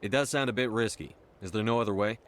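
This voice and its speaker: An actor voicing a human military commander in a video game, direct and practical. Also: male voice, lowish voice, fast, a bit bright, a little hiss or hum, natural voice. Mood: decisive. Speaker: player character commander.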